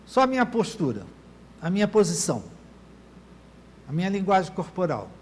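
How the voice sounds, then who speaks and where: A man preaches as pastor in a church, his high voice sing-song and moderately paced, with slight background noise. He often calls out "Amém, querido?" seeking an amen from the congregation, and the recording carries a long church reverb.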